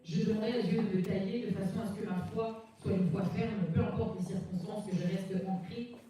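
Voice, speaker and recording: Woman interpreter, calm and measured in the telling, recorded from afar with faint background noise. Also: medium pitch. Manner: measured storytelling, first-person retelling. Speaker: church interpreter. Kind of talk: interpreting a testimony in church. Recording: echoey hall, mic far off, faint noise.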